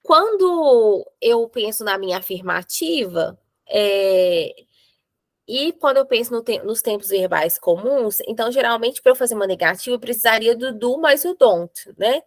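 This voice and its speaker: A woman teaching a grammar lesson. She explains patiently and step by step, and slows right down to spell out each example sentence. Her voice sits a little high and sounds close and dry, with no room around it. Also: expressive, no echo, rough recording. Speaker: English teacher.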